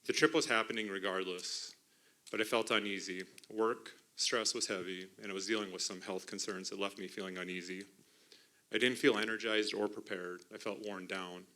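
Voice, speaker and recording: A middle-aged man speaking from the front of a church, earnest and a little halting as he reads his testimony from notes. His voice sits low but rings bright and forward. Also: fairly even intonation. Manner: earnest, halting, with fillers and restarts. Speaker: mission trip team member sharing testimony. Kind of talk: emotional church testimony, partly read from notes. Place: church sanctuary.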